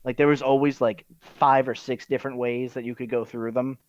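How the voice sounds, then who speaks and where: A man's voice: mid-range voice, flat delivery, a little fast, dry recording, dull audio. A man speaking hesitantly and restarting sentences in a casual podcast chat.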